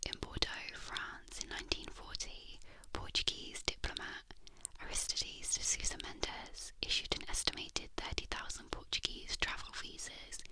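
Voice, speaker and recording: Someone whispering closely, right in the listener's ear, reading facts in a measured ASMR style into a binaural microphone. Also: low-quality recording. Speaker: ASMR narrator.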